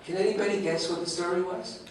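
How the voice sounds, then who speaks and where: A man's voice: sits high, fairly even intonation, quick pace, a little hiss or hum. Man lecturing in an echoey hall. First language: French. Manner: engaging, asks the audience rhetorical questions. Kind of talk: humorous academic lecture. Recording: echoey hall, distant mic, faint ambience.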